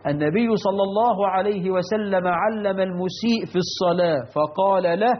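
Man, high voice, instructive preacher, muffled lo-fi audio. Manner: instructive, rhetorical questions, mimics errors. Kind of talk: religious lesson.

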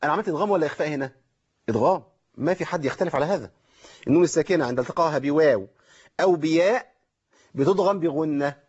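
A fast-talking Egyptian man teaches Quran recitation on a call-in show, breaking each rule into small steps and checking in with listeners. His voice sits fairly high for a man, and the broadcast audio sounds muffled and lo-fi. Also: animated, a little mellow, husky. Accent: Egyptian Arabic. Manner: explains step by step, checks in with listeners. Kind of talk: call-in tajweed lesson.

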